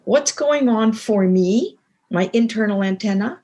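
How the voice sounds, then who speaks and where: A middle-aged woman speaking as an interview guest, telling a personal story with lively acted-out dialogue. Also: mid-range voice, a little slow. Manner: animated storyteller, acts out quoted dialogue. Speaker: guest, co-author and professor.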